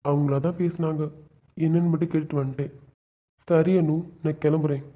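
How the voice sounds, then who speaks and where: A man's voice: fairly high pitch, level tone, fairly quick, dark tone, close to an everyday voice. A man voicing a stern but loving young husband in a cartoon, firm and lecturing. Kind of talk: cartoon web series voice acting. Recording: dull lo-fi sound.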